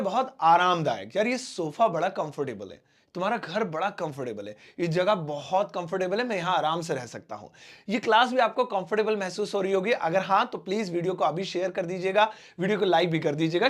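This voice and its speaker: A man teaching a spoken English lesson, explaining slowly and repeating each word with everyday examples. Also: high-pitched, fairly bright tone.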